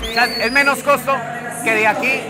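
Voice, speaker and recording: A man's voice: very high voice, steady tone, normal speed. A man with a Colombian accent talking casually and persuasively in an interview, in colloquial speech. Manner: colloquial, persuasive, asks rhetorical questions. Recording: loud music and crowd noise behind. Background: loud music, crowd.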